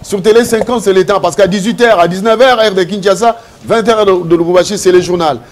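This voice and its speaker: A man presenting a live TV event, talking in a hurried, repetitive, excitable way. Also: high voice, slight background noise.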